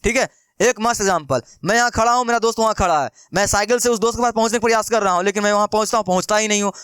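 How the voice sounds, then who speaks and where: A young man with a high voice explains math like a casual classroom lesson, tossing out questions and answering them himself in a chatty, playful way. His voice is smooth and clear. The sound is dry and close, with almost no room echo. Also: rapid-fire, fairly bright tone. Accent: Bihari Hindi. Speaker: math teacher.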